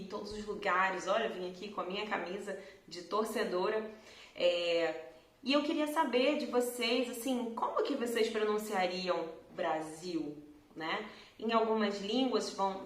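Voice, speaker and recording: A woman teacher from Brazil with a Carioca accent, explaining pronunciation slowly and clearly and drawing out example words. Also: mid-range voice, fairly bright tone. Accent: Carioca Brazilian Portuguese. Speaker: Portuguese teacher. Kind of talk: pronunciation lesson to camera. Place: room at home, in front of a door. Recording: echoey room.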